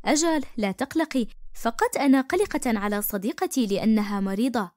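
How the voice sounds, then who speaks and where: A woman voicing a kind, caring adoptive mother in an animated storybook, speaking gently and tenderly. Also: a little high, brisk, no echo, studio quality, natural voice. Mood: worried.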